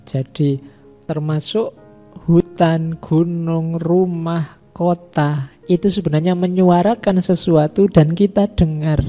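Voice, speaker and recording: A man giving a relaxed, conversational philosophy lecture in a mosque, listing ideas one by one. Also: on the high side, slow pace, soft background music. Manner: conversational, repeats and lists ideas. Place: mosque hall.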